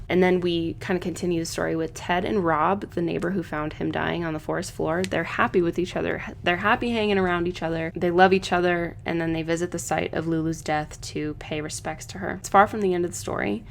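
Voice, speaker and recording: A woman giving a casual, thoughtful book analysis, often pausing with "um" as she works through her ideas. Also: lowish voice, fairly even intonation, creaky, a little hiss or hum. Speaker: book reviewer. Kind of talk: book analysis video essay.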